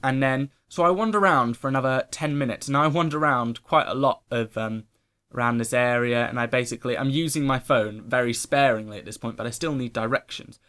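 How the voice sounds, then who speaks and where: A young-sounding man rattles through a personal story in a casual vlog, animated and excitable. His voice is bright and forceful, with plenty of emphatic exclamations. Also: mid-range voice, fairly quick. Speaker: vlogger telling a personal story.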